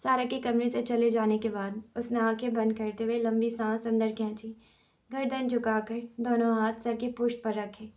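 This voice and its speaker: Woman reading a novel aloud, higher voice, super even and flat, steady. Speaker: audiobook narrator. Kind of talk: scripted narration.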